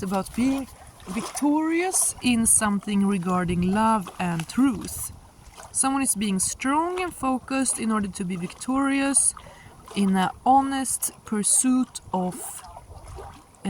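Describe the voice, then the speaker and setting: Casting: female tarot reader, casual and halting, musing delivery, mid pitch, recorded outdoors with light water noise. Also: animated. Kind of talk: casual spoken tarot reading. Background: sound of moving water.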